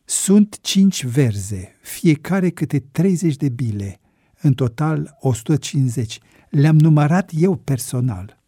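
A man's voice: a little high, lively intonation, warm tone, husky, no room sound, clean studio sound. A man voicing a short, sly male waiter with a Slavic accent, confiding and scheming.

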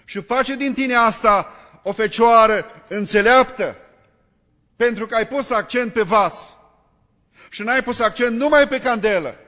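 High-voiced preacher in an echoing hall. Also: male voice, sharp tone. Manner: repetitive rhetorical questioning, emphatic. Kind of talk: sermon. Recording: long reverb of a large hall.

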